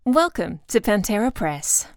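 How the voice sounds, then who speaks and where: A woman reading a recorded phone menu message, with slow, measured prompts. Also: medium pitch, very animated, soft background music. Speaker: phone system announcer.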